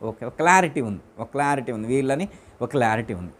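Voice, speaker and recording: A man's voice: mid-range voice, lively intonation, quick pace, a little hiss or hum. A man as spiritual teacher giving a discourse in a private home, repeating his phrases and putting questions to his listeners.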